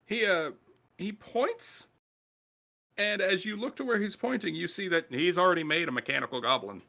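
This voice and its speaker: Male game master, casual narrator, pitched a bit high and bright. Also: normal speed, creaky. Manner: casual, swears and laughs, fillers while narrating.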